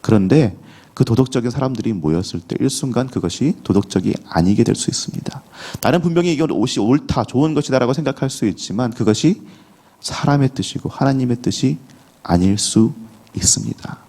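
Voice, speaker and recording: A man's voice: medium pitch, expressive, fairly quick, mellow. A middle-aged male pastor preaching a conversational early-morning sermon, acting out the voices of the people in the story. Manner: conversational preaching with acted quotes of biblical figures. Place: church sanctuary.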